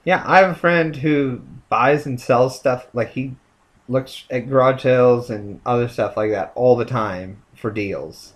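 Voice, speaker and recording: Casual co-host, male, playful, joking, pitch leaps up when excited. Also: unhurried. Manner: playful, jumps into jokes and pitch swings. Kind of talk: casual chat.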